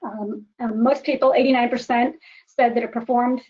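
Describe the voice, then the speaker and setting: Woman presenter, slightly high voice, warbly computer audio, muffled, hesitant with ums. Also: steady tone, moderate pace, a little mellow, husky. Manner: hesitant, with frequent ums and restarts. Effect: warbly voice through a computer connection. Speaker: webinar presenter. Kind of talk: slide presentation with data. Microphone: computer microphone.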